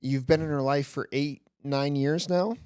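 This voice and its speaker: A man's voice: mid-range voice, fairly even intonation, normal speed, darkish tone, clean tone, no room sound, clean studio sound. A man in his thirties hosting a podcast, asking probing questions in a blunt, casual way. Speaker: podcast host.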